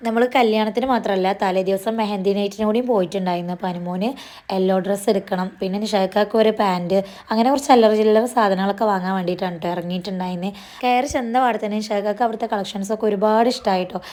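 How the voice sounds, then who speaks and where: A woman's darkish, mid-range voice with fairly even intonation carries the narration of her shopping vlog. Chatty and fast, she uses lots of tag particles, and her voice is slightly strained after having lost it.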